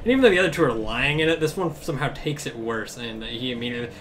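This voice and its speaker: A man narrates a tabletop game as its game master, his voice bright and forceful. He talks loosely and swears casually, often breaking into laughter. Faint room ambience sits behind him. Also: medium pitch, animated, very fast, a little hiss or hum.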